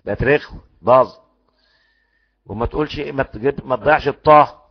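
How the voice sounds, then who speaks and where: A man's voice: mid-range voice, fairly quick, breathy edge. A man with an Egyptian Arabic accent teaching Quran recitation rules in a lecture, drilling the sounds aloud and asking his students questions. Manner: animated, demonstrates sounds repeatedly, asks the class questions. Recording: muffled lo-fi recording.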